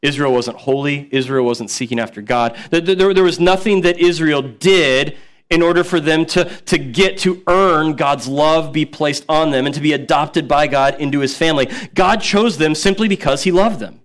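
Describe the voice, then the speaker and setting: A man in his thirties preaches in a relaxed, talkative way, with a voice that sits somewhat high. He leans on repeated words like "no, no, no" for emphasis and slips into character voices when quoting. The tone stays conversational throughout. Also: normal speed. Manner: casual and conversational, acts out quotes. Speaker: pastor. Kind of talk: sermon.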